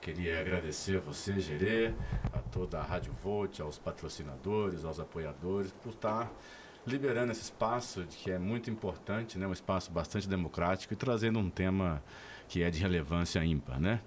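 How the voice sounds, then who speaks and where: A middle-aged man speaks as a radio guest, his voice very deep. He explains his field in a formal, measured, lecturing way, with a faint hiss of noise beneath him. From Araxá, Minas Gerais, Brazil. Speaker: architect and university lecturer, guest. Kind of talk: radio interview.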